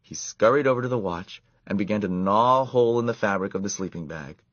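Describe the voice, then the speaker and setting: A man reading a children's story aloud in an expressive, animated way. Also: lowish voice, quick pace, no echo. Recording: dull lo-fi dry recording.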